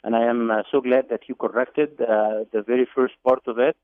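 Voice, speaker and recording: Radio guest, male, from Egypt, measured storyteller, phone-line sound. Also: medium pitch, little pitch movement, no room sound. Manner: deliberate, with repeated words and fillers. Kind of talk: telling his life story on a radio call-in. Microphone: telephone.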